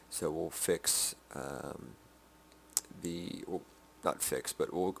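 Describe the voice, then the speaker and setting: Sleepy low gravelly-voiced man. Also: slight background noise. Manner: halting, many ums and restarts. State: sleepy, yawning. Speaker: game developer. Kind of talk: casual dev update.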